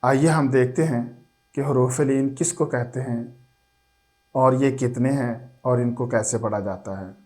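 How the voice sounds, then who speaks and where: A man teaching a recorded lesson on reading letters, spelling out each syllable slowly and drawing it out. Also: medium pitch, fairly even intonation, darkish tone.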